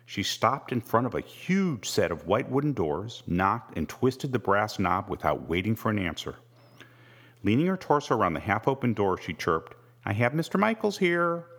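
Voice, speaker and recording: A man reading a first-person novel aloud with measured, wry storytelling. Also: on the low side, very animated, a bit bright, breathy edge. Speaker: audiobook narrator. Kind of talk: scripted first-person narration.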